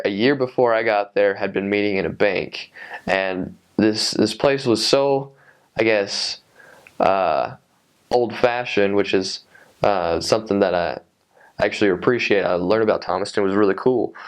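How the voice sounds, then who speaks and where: A man in his twenties with a fairly low voice and plenty of vocal fry shares personal memories in a casual way. His delivery is halting and reflective, with thoughts that often trail off before he picks them up again. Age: 20s. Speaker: returned missionary recalling his service.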